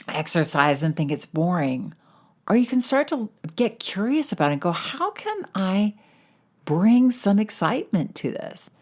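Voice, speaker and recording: A woman's voice: deep voice, a little mellow. A woman hosting a podcast as a weight-loss coach, talking in a casual, enthusiastic and encouraging way.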